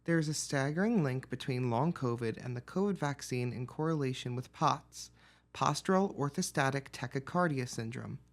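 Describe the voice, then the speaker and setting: Male reporter, scripted news narration, mid-range pitch. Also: expressive, moderate pace.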